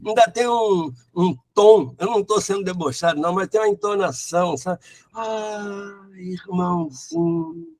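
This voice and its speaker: A man's voice: high-pitched, brisk, hardly any pauses, a little mellow, dry recording. A Brazilian man in a study group, chatting with humor and playful examples. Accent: Brazilian Portuguese. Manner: humorous, acts out polite phrases. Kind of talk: casual chat.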